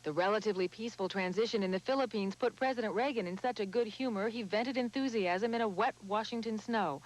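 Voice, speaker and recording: A woman's voice: mid-range voice, quick pace, rough recording. A woman TV correspondent delivering a scripted news report.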